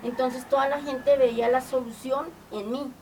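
An older woman from Colombia, telling lively stories from her community work, often acting out quoted dialogue. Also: high-pitched, normal speed. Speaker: community organizer. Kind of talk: storytelling. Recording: distant mic with clear background noise.

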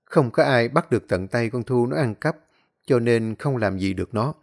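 Expressive male storyteller. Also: medium pitch, moderate pace. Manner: expressive, acting out scenes. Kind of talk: dramatic story narration.

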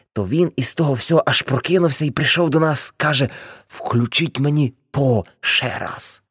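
A woman's voice: extremely low pitch, slightly rough, dry recording, clean studio sound, full character voice. A woman voicing an older man, a boastful ex-hippie uncle, telling rambling brash stories in an audiobook.

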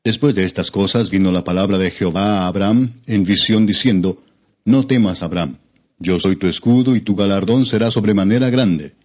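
Low, mellow male scripture narrator. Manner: measured, formal. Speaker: audiobook narrator. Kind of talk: solemn scripted scripture reading. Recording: dull, lo-fi audio.

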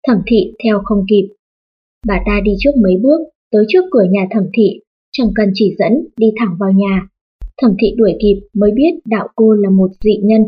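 A woman reading a storybook audiobook aloud in a steady, even manner. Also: mid-range voice, husky, dull audio. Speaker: audiobook narrator. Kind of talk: scripted storybook narration.

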